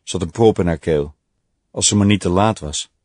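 Measured male audiobook narrator. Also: deep voice, a little mellow, dry recording, clean studio sound. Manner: measured, deliberate reading.

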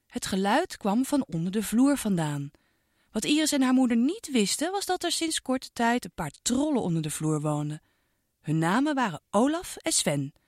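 A woman narrating a children's storybook with an expressive, sing-song delivery aimed at a child listener. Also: medium pitch, no echo, clean studio sound.

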